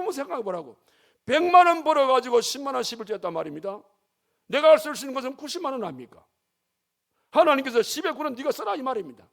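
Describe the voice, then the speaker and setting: A man's voice: very high voice, fairly bright tone. A man preaching a sermon as pastor, emphatic, with his voice climbing and falling sharply.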